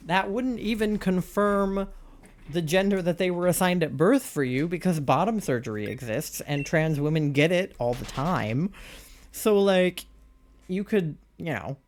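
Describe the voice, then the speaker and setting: This young adult streamer talks in a high-pitched, animated voice at a slightly slow pace, with a faint hiss or hum underneath. It's casual live-stream game chat, candid and rambling, peppered with "like" and exasperated rhetorical questions.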